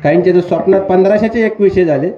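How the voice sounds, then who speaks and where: A man preaching a devotional kirtan sermon, telling stories and questioning the audience in an animated way. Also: high-pitched, fast talker. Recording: echoey, slightly dull hall recording. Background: instrument music.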